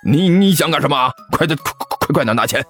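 A man's voice: fairly high pitch, expressive, fast talker, a bit bright, faint music behind. A man voicing a bumbling male street robber who blusters and stammers in an audiobook story. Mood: blustering. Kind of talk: storytelling character voice.

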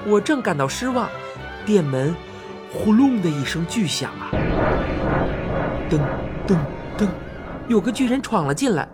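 Music plays in the background as a woman reads a children's fantasy story for an audiobook at normal speed. Her mid-range voice is expressive, breaking into cries when the story gets exciting.

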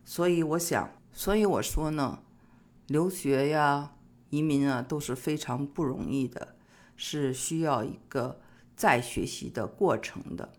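A middle-aged speaker from China hosting an advice show, talking in a casual, explanatory way with frequent pauses on filler particles. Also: medium pitch. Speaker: host of an immigration-advice show.

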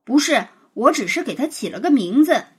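A woman voicing a boastful, mischievous schoolboy who teases loudly in a sing-song way. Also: high voice, very animated, moderate pace, breathy edge, full character voice. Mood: taunting. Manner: loud, taunting, sing-song chanting.

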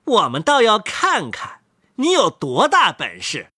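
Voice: mid-range voice, huge pitch swings, a little slow, bright, forceful tone, breathy edge, no room sound, clean studio sound, voice pushed up, heavily acted. A storyteller voicing nervous, greedy thieves in a storybook reading, stammering and jumpy. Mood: doubtful.

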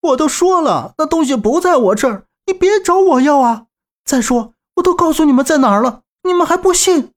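A man voicing a cheeky young man in trouble, shrill and pleading in an audiobook. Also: big pitch swings, normal speed, full character voice. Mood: defiant. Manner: shrill, pleading then defiant. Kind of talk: audiobook character voice.

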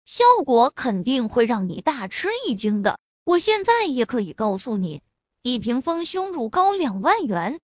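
A woman's voice: fairly high pitch, big pitch swings, normal speed, no room sound. A woman voicing a confident, blunt young man in a spoken web-novel reading, with a slightly muffled lo-fi sound. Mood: assured. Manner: self-assured, dealmaking.

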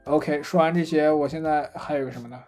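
A man co-hosting a casual podcast chat, telling anecdotes in a lively, chatty way. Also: on the high side, fast, soft background music. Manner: chatty storyteller, animated retelling of anecdotes. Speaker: podcast co-host. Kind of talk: casual chat about gadgets.

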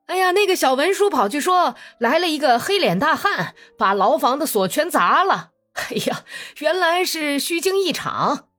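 A woman voicing an excited male Cossack guard who talks in loud, high, exclaiming bursts. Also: normal speed, hardly any pauses, soft background music. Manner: shrill, exclaiming, high-pitched.

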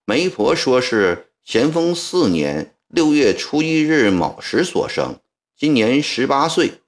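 A terse naval garrison officer, voiced by a male storyteller, answering plainly and slowly with a lively tone. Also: mid-range voice, pitched above the performer's own voice. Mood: defensive.

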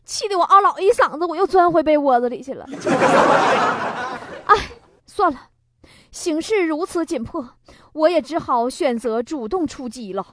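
A woman's voice: sits high, lively intonation, normal speed, very noisy. A woman hosting a radio comedy monologue, chatty, laughing often and acting out quotes. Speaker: comedy show host. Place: radio studio.

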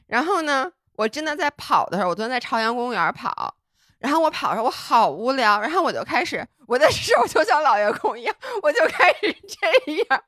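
A woman's voice: high-pitched, big pitch swings, brisk, fairly bright tone, no echo, clean studio sound. A woman podcast co-host chatting casually, teasing and playful. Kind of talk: casual chat.

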